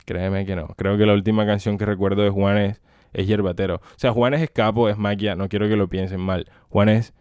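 A very low-pitched man, talking casually alone on his podcast. He rambles, swears and jokes, close to the mic in a dry, dead-sounding room. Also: flat delivery, moderate pace, a little mellow, clean tone, dry recording. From Colombia. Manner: rambling, profane and joking, often laughing. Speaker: podcast host. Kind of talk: casual solo podcast monologue. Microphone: close microphone.

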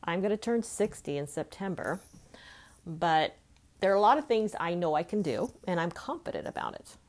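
A woman's voice: on the low side, lively intonation, moderate pace. A woman in her fifties from California, talking earnestly and conversationally as she reflects aloud in a personal vlog. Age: 50s. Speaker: self-help vlogger.

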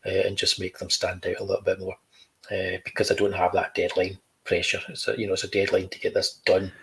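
Gravelly-voiced man chatting. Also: low voice, completely flat delivery, a little fast, fairly bright tone, rough recording. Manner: chatty, restarts phrases, dry humor. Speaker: comic book creator guest. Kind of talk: casual video chat, showing artwork.

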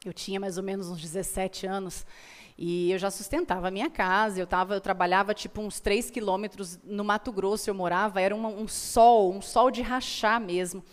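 A woman's voice: medium pitch, steady tone, brisk. A Brazilian woman speaking as a motivational guest, telling personal stories in an earnest, emphatic way and repeating phrases for effect. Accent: Brazilian Portuguese. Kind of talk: motivational storytelling conversation.

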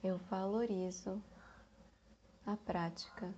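A Brazilian woman guiding a meditation in a soft, soothing, breathy voice with long pauses, like a calm spa session. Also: medium pitch, lo-fi sound, slight background noise. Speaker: meditation guide. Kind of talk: guided meditation narration.

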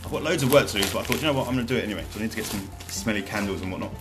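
In rapid-fire bursts, a British man with a lowish voice runs his own casual podcast, rambling, mocking himself and swearing freely. Music sits in the background.

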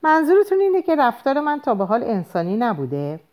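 A woman's voice: on the high side, huge pitch swings, dull audio, pitched above the performer's own voice. A woman voicing a cold, curt married woman answering the phone in an audiobook. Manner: cold and clipped.

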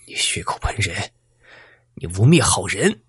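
A man voicing a proud old village schoolteacher, speaking low, hushed and husky, half whispering. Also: very animated, measured pace, no echo, studio quality, heavily acted. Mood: defiant.

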